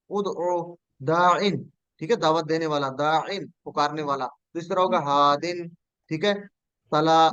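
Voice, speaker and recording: A man's voice: on the high side, fairly bright tone, smooth, dry recording. A man teaching an online class, leading call-and-response drills and patiently inviting students to answer.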